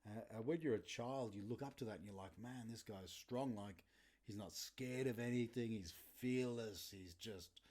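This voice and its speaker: Blunt, sweary man, lowish voice. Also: normal speed, a little mellow. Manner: blunt, sweary, laughs often while telling stories. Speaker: podcast host. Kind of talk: casual storytelling monologue.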